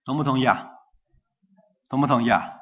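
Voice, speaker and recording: A man preaching a sermon in a lively way, asking the congregation questions and repeating phrases in rhythm. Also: medium pitch, fairly quick. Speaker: pastor. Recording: tinny phone-like line.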